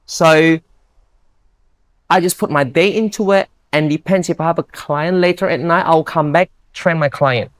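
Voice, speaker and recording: An upbeat, earnest woman with an Indonesian accent, a bodybuilder appearing as a guest, chats casually in an interview, using non-native grammar. Her low-pitched voice moves at normal speed, and the sound is dry with no echo.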